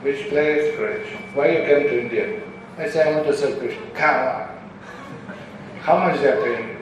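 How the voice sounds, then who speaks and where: A man's voice: fairly high pitch, moderate pace. A man from Europe giving an informal spiritual question-and-answer talk as a visiting preacher, telling anecdotes, saying "you know" often and acting out the voices he quotes. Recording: very echoey room with clear background noise.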